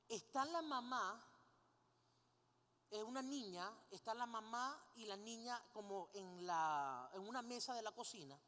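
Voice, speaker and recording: Female preacher, higher voice, sermon with audience questions, long hall reverb. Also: fairly bright tone. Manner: asks the congregation frequent rhetorical questions; leads the congregation in call-and-response.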